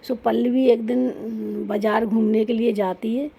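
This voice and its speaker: A woman's voice: on the high side, little pitch movement, measured pace, creaky, mellow, husky. A woman retelling a folk story in a loose, informal way, with frequent restarts.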